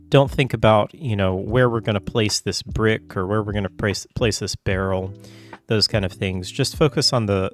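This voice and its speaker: Getting over a cold, this male host coughs occasionally while casually talking through a software tutorial. He speaks on the low side in a chatty, loose way, with lots of fillers and corrections of himself.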